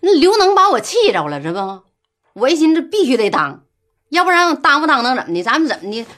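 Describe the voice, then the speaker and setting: An actress playing an impatient, sharp-tongued middle-aged village wife, retorting quickly. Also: female voice, high-pitched, very animated. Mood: bickering.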